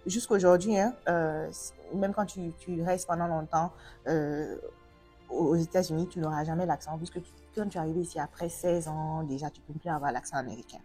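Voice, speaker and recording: A woman's voice: low-pitched, steady tone, normal speed, mellow, soft background music. A woman from Africa hosting a casual interview, chatty and asking long, rambling questions. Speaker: host.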